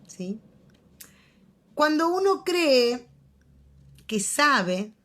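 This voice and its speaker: An Argentine-accented woman lectures her psychology students over a video call. She keeps it conversational and joking, with frequent little check-ins with the class. The sound is that of a plain computer microphone. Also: mid-range voice. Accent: Argentine Spanish. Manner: chatty, joking, often checks in with "¿sí?". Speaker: psychology teacher.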